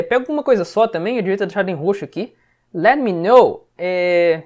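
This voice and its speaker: A woman's voice: medium pitch, a little mellow. Chatty Brazilian woman teaching English. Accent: Brazilian Portuguese. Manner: chatty, repeats "tá?" to check understanding. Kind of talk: casual explanatory lesson.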